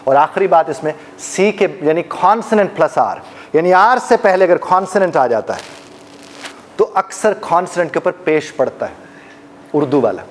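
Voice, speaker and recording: A man's voice: fairly high pitch, expressive, normal speed, a little hiss or hum. A man teaching a live workshop audience, demonstrating pronunciations and joking with the room. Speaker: life coach and trainer.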